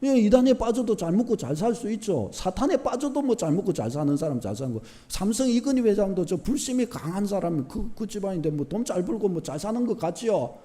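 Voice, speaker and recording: Man w/ preaching, high pitched, voice jumps all over, acts out little scenes. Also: quick pace, hardly any pauses. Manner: animated, shifts from soft to loud, acts out short dialogues. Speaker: pastor. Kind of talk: sermon. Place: church sanctuary.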